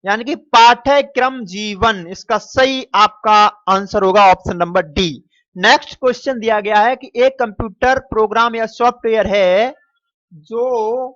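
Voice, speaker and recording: Calling his class "dear children," a man with a very high, fairly bright voice walks through an exam paper question by question, drawing out and repeating every answer. His Hindi explanations are sprinkled with English phrases, captured in a muffled, dry recording without any room echo.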